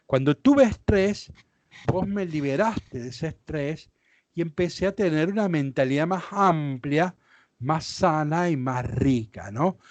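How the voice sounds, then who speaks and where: A man's voice: fairly high pitch, unhurried, no echo, dull audio. A man with a Rioplatense Spanish accent, a priest teaching a Bible class, explaining patiently and often checking that listeners follow. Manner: explanatory, frequent checks like ¿sí? and ¿ven?.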